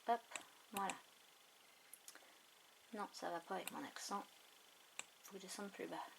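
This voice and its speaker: A woman hosting a craft tutorial, thinking aloud in an unhurried way with many fillers as she works on a computer. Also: mid-range voice, gravelly, background noise. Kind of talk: casual screen tutorial narration. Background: mouse clicks.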